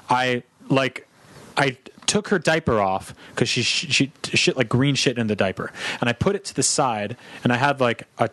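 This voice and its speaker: A man co-hosting a podcast, telling a profane, animated story in casual chat and laughing as he goes. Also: medium pitch. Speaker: podcast co-host.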